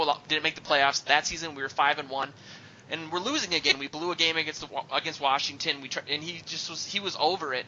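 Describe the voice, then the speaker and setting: A man in his thirties chats on a sports podcast with a very bright, forceful tone and a fairly high voice. He tells stories with energy and grows loud when excited. The podcast audio is a little dull, with faint noise behind him. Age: 30s. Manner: animated storyteller, gets loud when excited. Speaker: podcast co-host. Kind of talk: casual chat.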